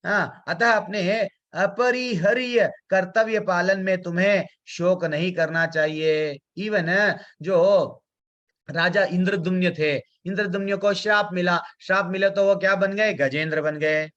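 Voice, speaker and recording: Guy teaching a scripture class, kinda high voice, chants sanskrit verses then explains, muffled lo-fi audio. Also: steady tone, measured pace, a bit bright. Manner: mixes Hindi with English words, chants Sanskrit verses; conversational, many fillers and restarts. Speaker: spiritual teacher.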